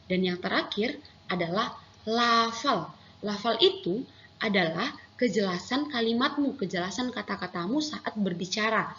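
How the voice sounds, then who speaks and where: An Indonesian-accented woman teaches young children in a gentle, patient, unhurried way. Her voice rings in an echoey room, and the recording sounds slightly dull with faint hiss behind it. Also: mid-range voice. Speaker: primary school teacher. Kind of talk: online lesson for young children.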